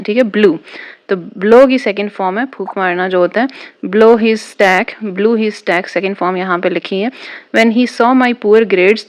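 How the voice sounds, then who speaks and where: A woman teaching a school lesson, patient and repetitive, who reads example sentences out slowly and deliberately. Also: medium pitch. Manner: patient, repetitive, keeps saying "okay". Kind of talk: exam-prep lesson explaining idioms.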